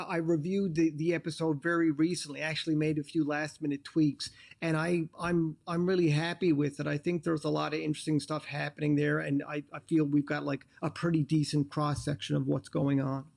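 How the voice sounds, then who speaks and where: A man's voice: on the high side, level tone, brisk, vocal fry, hardly any pauses, darkish tone. A man talking casually in an interview about his TV episode, chatty and joking, with frequent restarts. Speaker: TV show host, interview guest. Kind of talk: conversational interview.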